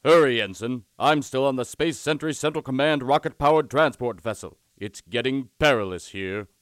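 A man voicing a smug, laid-back male first officer with a dry, deadpan delivery. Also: medium pitch, normal speed, no room sound, close to an everyday voice. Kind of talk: radio comedy sketch acting.

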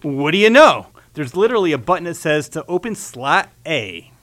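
A man's voice: fairly high pitch, big pitch swings, normal speed, a bit bright. A man voicing a nervous, fussy male junior engineer who fusses over details. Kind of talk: radio comedy sketch acting.

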